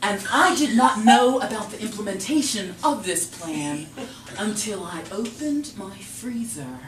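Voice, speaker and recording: Animated woman telling a story. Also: measured pace. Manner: animated, laughing, shrill when quoting herself. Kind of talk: live comic storytelling. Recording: roomy, distant mic with noise.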